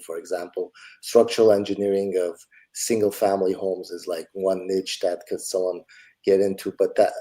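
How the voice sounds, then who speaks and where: A man in his forties from Los Angeles, answering interview questions in a relaxed way and thinking aloud with many fillers. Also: low voice, rough recording. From Los Angeles, United States. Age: 40s. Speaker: guest, entrepreneur.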